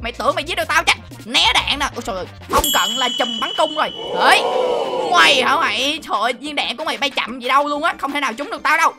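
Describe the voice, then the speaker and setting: A woman's voice: high voice, animated, rapid-fire, over loud music. A young woman hosting a gaming video, dramatic and exclamatory, full of shrieks and teasing threats. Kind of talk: excited game commentary.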